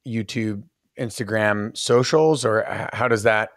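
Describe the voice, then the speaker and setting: A male podcast host with a fairly low voice asks long, meandering questions into a boom-mounted studio mic. His sound is dry and close, with no room echo. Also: steady tone, unhurried. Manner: long rambling questions with fillers. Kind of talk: casual interview. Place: home room with bookshelf. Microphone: podcast mic on boom arm, headphones.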